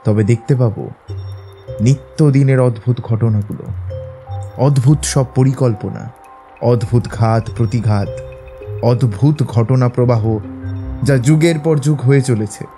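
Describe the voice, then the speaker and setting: An actor playing Sherlock Holmes in an audio drama as an assured, philosophising gentleman detective, speaking in a measured, eloquent, lecturing way. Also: mid-range voice, faint music behind, natural voice. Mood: musing, assured. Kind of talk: Bengali audio drama acting.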